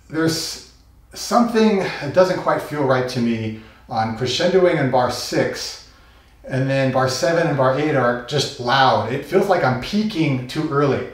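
A man talks through his taiko solo, thinking aloud and sounding out the drum patterns with his voice. He is heard from a distance in a very reverberant room. His pitch sits in the middle range. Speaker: taiko teacher. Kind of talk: instructional talk. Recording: very echoey room, mic far off.

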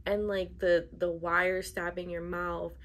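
A woman's voice: on the low side, flat delivery, slow, a little hiss or hum. Young woman vlogging, emphatic and casual. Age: young adult. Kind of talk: casual chatty vlog to camera. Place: bedroom, indoors.

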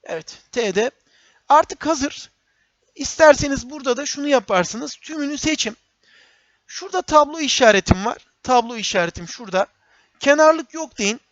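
Man giving a dull lo-fi software tutorial. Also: very high voice, expressive, normal speed, dry recording. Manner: step-by-step, repeats phrases, addresses viewers as friends. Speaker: instructor. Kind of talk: screen-recorded software tutorial. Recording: dull, dry lo-fi recording.

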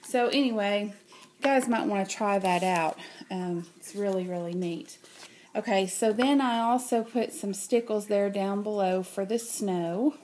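A woman with a cold and a nasal, medium-pitched, darkish voice does a casual show-and-tell of handmade cards at her home table for her craft vlog. She's unhurried and hesitates often with ums, with slight background noise in the recording.

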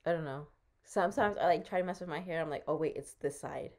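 A woman's voice: deep voice, quick pace, a little mellow. A young woman vlogging casually at home, rambling and a bit out of breath. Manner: chatty, rambling. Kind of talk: casual vlog chat.

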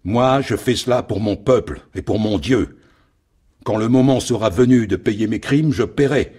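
Brooding sea captain, read by a man: low, grumbling, husky. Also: a little mellow.

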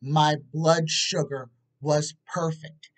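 A woman in her fifties talks slowly to her webcam from a small room at home. She is emphatic and keeps checking in with "okay?" as she makes her points. She sits a little back from the mic. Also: low voice, steady tone, distant mic, low-quality recording. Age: 50s. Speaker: psychic tarot reader. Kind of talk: casual talk to camera. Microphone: webcam at desk distance.

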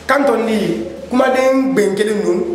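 A man's voice: high voice, measured pace. A man teaching a literacy lesson, explaining terms step by step and rephrasing them as he switches between French and Maninka. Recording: very echoey hall with faint noise.

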